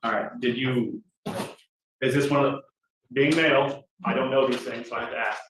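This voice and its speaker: A defense attorney with a mid-range voice questions a witness at a moderate pace, keeping a steady tone and a folksy, conversational feel. Recorded in a large indoor courtroom, the audio is echoey, distant from the mic and noisy in the background.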